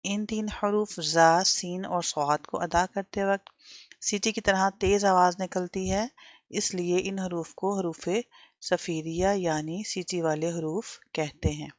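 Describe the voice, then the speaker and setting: A woman's voice: on the low side, fairly even intonation, a little slow, no room sound, lo-fi sound. A woman teaching Quran letter sounds step by step, asking questions and having learners repeat after her. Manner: patient, drills learners with repetition and questions.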